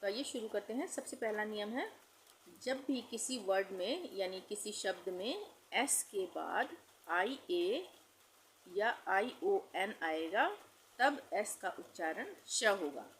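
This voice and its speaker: A woman's voice: medium pitch, lively intonation, takes it slowly, slight background noise, rough recording. A woman teaching English pronunciation in Hindi, patiently repeating each rule and spelling words out letter by letter. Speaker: language teacher.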